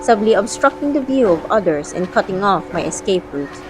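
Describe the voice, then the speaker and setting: A woman's voice: medium pitch, lively intonation, a little fast, natural voice. A woman playing a guarded, feisty young woman, narrating an audio drama in the first person and voicing her dialogue. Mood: reflective. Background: background music.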